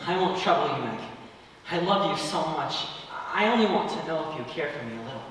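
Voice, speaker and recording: A man's voice: fairly high pitch, lively intonation, fairly quick, a bit bright. A man playing an earnest, courteous tutor in love, in a polite, formal manner, in a stage play. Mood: earnest, hopeful. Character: earnest, courteous young tutor, a devoted suitor. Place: theater stage, recorded from the audience area. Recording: echoey theater, distant mic, faint noise.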